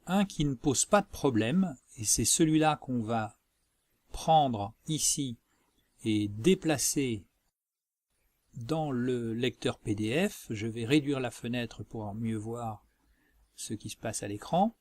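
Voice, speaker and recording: Male tutorial presenter, medium pitch, methodical step-by-step narration, dry close recording. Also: slow, a little mellow, no echo. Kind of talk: instructional screencast narration.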